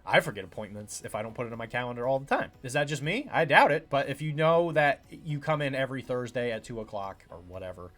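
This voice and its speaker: A man's voice: medium pitch, sing-song, fast, hardly any pauses, a bit bright. A man, a chiropractor hosting his own podcast, talking in a casual rambling monologue full of fillers and acted-out patient quotes.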